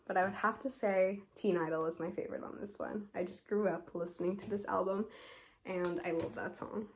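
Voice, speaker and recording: A woman's voice: medium pitch, slight background noise. Stuffy-nosed young woman vlogging from home, sore throat, super enthusiastic, says like constantly. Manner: gushing, enthusiastic, says "like" often. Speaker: YouTuber. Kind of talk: casual vlog chat.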